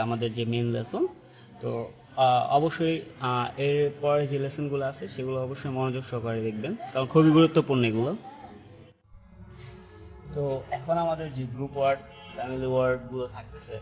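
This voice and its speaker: A man's voice: medium pitch, dark tone, low-quality recording. A man teaching an English pronunciation lesson, explaining step by step and often checking in with "right?". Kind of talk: spoken language lesson.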